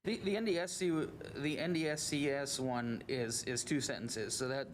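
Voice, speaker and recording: A man's voice: medium pitch, moderate pace, a little hiss or hum. A man advising the commission on procedure over a video call. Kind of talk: meeting talk.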